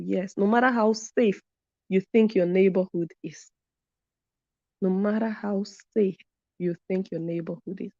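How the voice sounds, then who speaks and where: A woman running a commentary channel reads viewer comments during a live stream, repeating her points for emphasis. Her voice is mid-range and mellow, with no echo, though the sound is dull and lo-fi.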